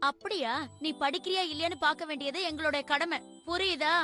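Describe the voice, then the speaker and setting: Give me a stern, nagging cartoon mom, fairly high, with soft music behind. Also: female voice, brisk. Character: strict young mother, nagging but loving. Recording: cartoon dub with faint music.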